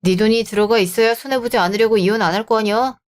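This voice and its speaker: A woman puts on a controlling young man in a radio drama. He is condescending and bullying, and he sits slightly high in pitch. The read has the even, synthetic polish of a story-channel narration. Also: fast talker, lightly acted. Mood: scheming.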